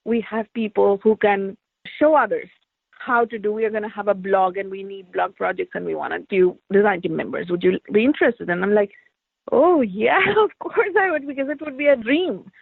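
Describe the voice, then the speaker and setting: An artist and teacher from India, a woman tells reflective stories from her life as an interview guest, filling her conversational answers with many "like" fillers. Her voice is mid-range, gravelly and breathy-edged at a normal speed, heard over a tinny, phone-like, dry line with no echo.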